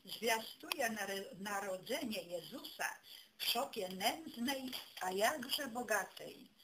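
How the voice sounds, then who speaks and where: A woman giving a folk poetry recital, declaiming rhymed festive verse in measured phrases with pauses between them. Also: medium pitch. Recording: clearly noisy amateur recording.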